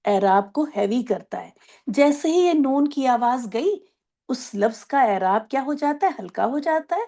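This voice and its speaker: A woman teaching an online Arabic grammar class, explaining patiently, asking if everyone follows, and drawing out example words slowly. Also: high voice, animated, warm tone. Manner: explains patiently, asks checking questions.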